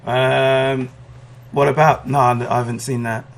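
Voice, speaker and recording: A podcast co-host chats casually about comic book movies, hesitant and agreeable in manner. His mid-range voice has a level tone, is a little slow, and sounds creaky.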